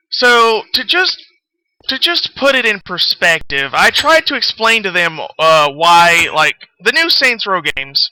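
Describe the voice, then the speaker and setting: Rambling young Southern man, bright voice. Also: high-pitched, poor audio. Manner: rambling, profane, loses his thread. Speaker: streamer. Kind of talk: casual storytelling while gaming.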